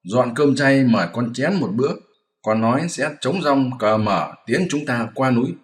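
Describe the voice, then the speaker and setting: A man's voice: medium pitch, lively intonation, normal speed, natural voice. A man voicing a lazy, fearful pig-monk who pleads and blusters in a whiny, flustered way, in a storybook reading. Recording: roomy echoey room.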